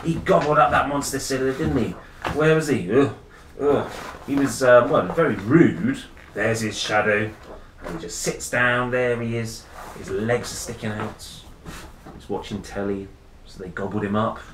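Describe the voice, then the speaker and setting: In a mid-range, fairly bright voice at a moderate pace, a man gives an expressive read-aloud of a children's story, stopping for casual, musing asides. The playful, theatrical reading is captured with a roomy echo and faint noise.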